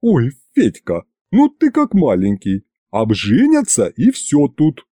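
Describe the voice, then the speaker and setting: A man doing a booming domineering matron. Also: huge pitch swings, takes it slowly, mellow, dry recording, studio quality, full character voice. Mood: gruff, bossy. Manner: booming, blunt, folksy speech. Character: formidable stout woman chief accountant, gruff and domineering.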